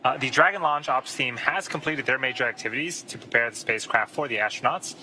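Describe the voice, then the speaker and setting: Very bright-voiced male launch commentator. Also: mid-range voice, quick pace, poor audio. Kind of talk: live explanatory commentary. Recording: faint background noise.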